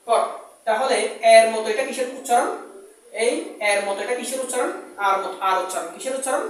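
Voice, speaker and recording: A woman's voice: a little high, very echoey, recorded from a distance, rough recording. A woman teaching English pronunciation in a classroom style, repeating example words and asking and answering her own questions.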